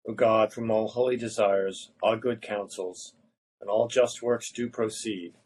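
A man officiating at evening prayer, reciting liturgical prayers in a solemn, measured way. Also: on the low side, fairly even intonation, a little mellow, husky.

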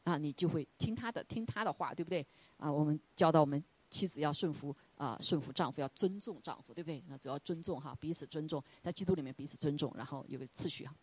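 A woman's voice: sits low, fast, a little mellow, slightly rough. A middle-aged woman church leader telling a personal testimony to her congregation in a chatty, storytelling way, often laughing and acting out the voices in her story. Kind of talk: testimony sermon.

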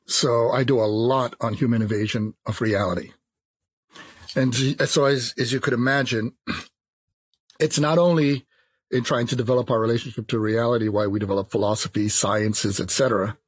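Husky-voiced man speaking thoughtfully. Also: medium pitch, steady tone, dry recording. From Jamaica. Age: 50s. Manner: thoughtful, measured, academic. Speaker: philosopher. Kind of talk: reflective interview talk.

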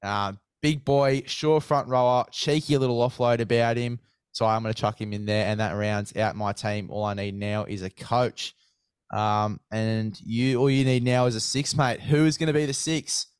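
A man hosting a relaxed sports chat, talking in a matey, slangy way. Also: medium pitch, moderate pace, clean tone, no room sound. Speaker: podcast host.

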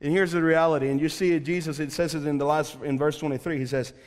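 Speaking fast with a steady tone, a young man from the Dominican Republic delivers a youth sermon with earnest conviction. His slightly high voice leaves a long reverb tail as he repeats phrases for emphasis and addresses the listeners in the room directly.

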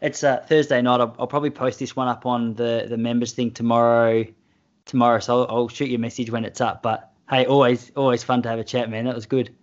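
Matey Australian man, mid-pitched, hosting casually. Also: level tone, a little fast. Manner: matey, informal. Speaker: podcast host. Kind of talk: casual chat. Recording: dull lo-fi audio.

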